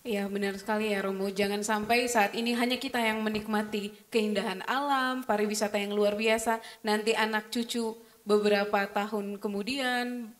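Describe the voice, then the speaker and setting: A woman's voice: medium pitch, steady tone, moderate pace. A woman moderates a panel discussion. She speaks politely and formally, introducing each guest and handing over the floor.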